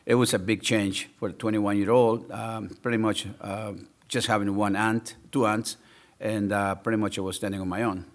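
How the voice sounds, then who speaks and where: A man's voice: on the low side, level tone, normal speed. A man, a business owner telling his story as a podcast guest with enthusiasm and many fillers. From El Salvador. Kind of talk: casual interview.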